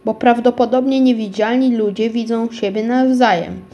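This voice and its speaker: A woman's voice: on the high side, fairly even intonation, normal speed, mellow, muffled recording, lightly acted. A woman voicing an eager, persuasive young boy in a storybook reading. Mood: reasoning. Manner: pleading, enthusiastic.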